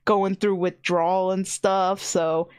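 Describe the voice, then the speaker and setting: A woman's voice: mid-range voice, flat delivery, slow, a little mellow, smooth. A woman in her thirties chatting casually on a stream, rambling with lots of "like" and frequent laughs. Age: 30s. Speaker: VTuber streamer.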